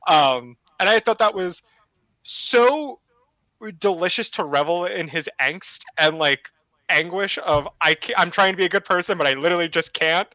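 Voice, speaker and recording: A man's voice: a little high, a little fast, sharp tone, no room sound, dull audio. A man co-hosting a casual comics podcast, rambling with lots of fillers. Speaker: podcast co-host. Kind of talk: casual chat about comics.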